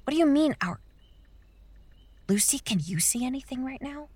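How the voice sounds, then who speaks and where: A woman's voice: high-pitched, animated, normal speed, a little mellow, slightly rough, no echo. A woman as a brash, sweary young leader. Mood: tense. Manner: blunt, sweary and exasperated. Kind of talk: audio drama acting.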